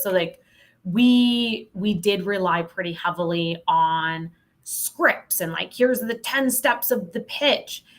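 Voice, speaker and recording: Candid and emphatic with a wry touch, this middle-aged woman is a sales trainer guesting on a conversational podcast. She speaks in a mid-range, fairly bright voice.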